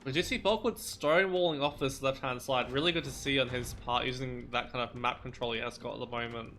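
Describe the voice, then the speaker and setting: A male caster with a bright, forceful voice calls a strategy match live, breaking down each play and how it should go. He laughs easily with his co-caster, and a faint hiss sits under his streaming mic. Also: mid-range voice, fairly even intonation, a little fast. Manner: analytical, laughs often, some restarts. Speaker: esports caster. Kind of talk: live game commentary.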